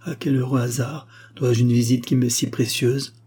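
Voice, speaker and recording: A man's voice: medium pitch, level tone, normal speed, mellow, breathy edge, natural voice. A man voicing an anguished young noblewoman in an audiobook reading, with pleading, breathless questions.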